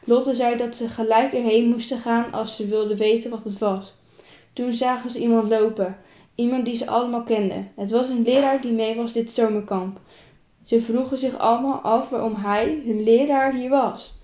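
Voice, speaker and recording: Woman reading her own story, highish and mellow, a few stumbles and restarts, echoey room. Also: steady tone, moderate pace. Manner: plain reading with small repeats and restarts. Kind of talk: reading a self-written story aloud.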